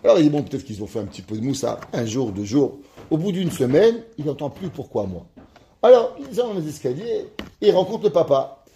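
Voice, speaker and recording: A man, a rabbi, teaching an ethics class and telling a story in a lively way, reading Hebrew passages aloud. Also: fairly high pitch, brisk, a little hiss or hum. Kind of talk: ethics lesson with a told story.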